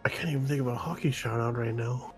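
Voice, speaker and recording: A man's voice: mid-range voice, quick pace, faint music behind. A man, co-hosting a casual podcast chat in an easygoing way. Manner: easygoing, laid-back. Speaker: podcast co-host.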